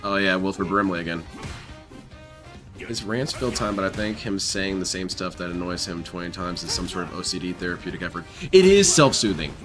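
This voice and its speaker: A man's voice: deep voice, expressive, fairly quick. A man livestreaming casual, teasing game commentary in an affected, silly clown-like voice. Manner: mocking, teasing. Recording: music playing behind voice. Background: music.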